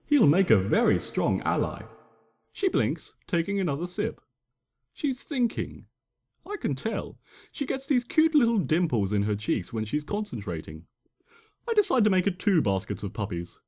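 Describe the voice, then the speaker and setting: A man's fairly high, slightly mellow voice swings hugely in pitch as he narrates his fan fiction in the first person at a moderate speed. The reading is dramatic and impish, like a theatrical trickster, and the room gives off a long echo.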